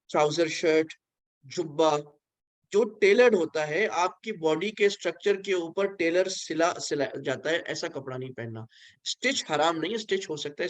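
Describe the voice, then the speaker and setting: A man leads a pilgrimage training session over a video call, explaining each rule patiently and checking that his listeners follow. His voice sits a little high for a man. The sound is close and dry, with no room around it. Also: no room sound. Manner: explains patiently, asks listeners to repeat, mixes in English phrases. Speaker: religious instructor. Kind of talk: online pilgrimage training lecture.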